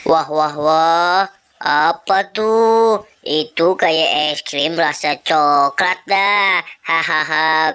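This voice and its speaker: A woman's voice: deep voice, sharp tone, clear, resonant tone, full character voice. Woman doing a whiny greedy boy.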